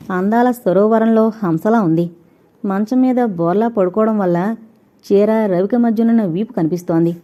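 A woman narrating a novel in a slow, measured, expressive reading. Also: medium pitch. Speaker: audiobook narrator. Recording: dull lo-fi recording.

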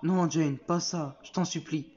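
A man's voice: a little high, steady tone, measured pace, darkish tone, voice pushed up, lightly acted. A man voicing a sheepish, dim-witted middle-aged father who whines and pleads, on a dull lo-fi recording. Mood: pleading. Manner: pleading, whiny.

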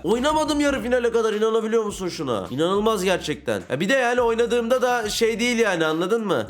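A young man giving casual commentary on a football video game, getting frustrated, ranting and shouting at big plays. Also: high voice. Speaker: gaming YouTuber.

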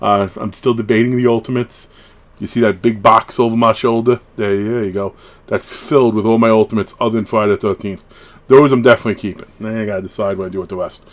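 Speaking quickly in a lowish, steady voice, this thirtysomething hobby vlogger unboxes horror collectibles indoors in a small wood-panelled room at home. He keeps it casual and rambling, cutting himself off with asides.

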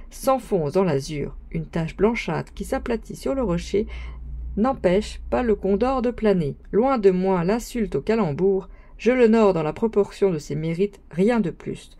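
A woman's voice: medium pitch, lively intonation, a little slow, dark tone. A woman reading a pompous young student. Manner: grandiloquent, sermonizing. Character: pompous young male student lecturing friends. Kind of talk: audiobook reading.

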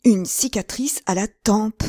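A woman reading aloud and voicing a young hot-headed male musketeer, eager and quick to exclaim. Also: on the low side, no echo, clean studio sound, natural voice. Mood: excited. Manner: eager, rising to excited exclamations.

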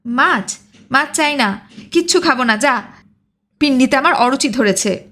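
A woman's voice: high-pitched, animated, unhurried, bright, forceful tone, exaggerated voice. A woman voicing a proud, hot-tempered village blacksmith who scolds indignantly in a storybook reading. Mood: angry.

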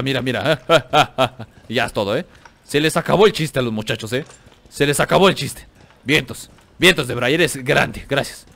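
Excitable Mexican gamer with gravelly voice. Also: male voice, mid-range voice, slight background noise. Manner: excitable, slangy, jokes and teases the enemies, talks straight to viewers. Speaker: gaming channel host. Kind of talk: let's play gameplay commentary.

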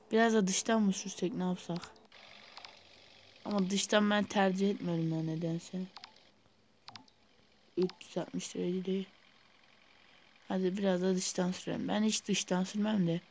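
A man's voice: high-pitched, vocal fry, darkish tone, slight background noise. A young man giving casual, rambling gameplay commentary while sleepy, with sudden startled outbursts. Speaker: gaming YouTuber.

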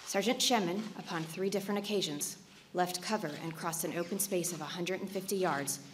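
A woman's voice: fairly low pitch, brisk. An American woman reading a formal scripted citation as a military officer, precise and official, at a lectern microphone in a large hall. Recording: background noise of a live hall.

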